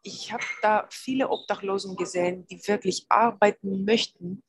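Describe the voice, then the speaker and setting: A woman's voice: medium pitch, steady tone, moderate pace, slight background noise, rough recording. A young woman from Greece asking a question on a video call, speaking hesitantly and searching for words.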